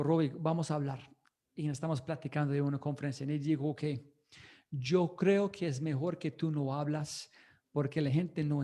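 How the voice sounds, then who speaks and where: Energetic man in halting Spanish. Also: fairly high pitch. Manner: energetic, enthusiastic; halting non-native Spanish. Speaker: interview guest, podcaster. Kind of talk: livestreamed interview talk.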